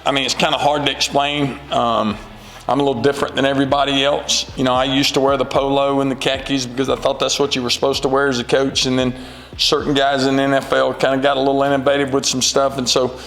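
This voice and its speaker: A man in his forties, a high school football coach, answering interview questions in an earnest, rambling way with many fillers. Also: level tone, quick pace, a bit bright, big-room sound, low-quality recording. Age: 40s.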